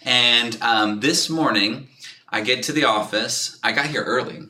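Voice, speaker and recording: A man hosting a church podcast, chatty and energetic, laughing often and a little out of breath. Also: mid-range voice, a little slow, roomy sound. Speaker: podcast host and pastor. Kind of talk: casual chat. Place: church studio.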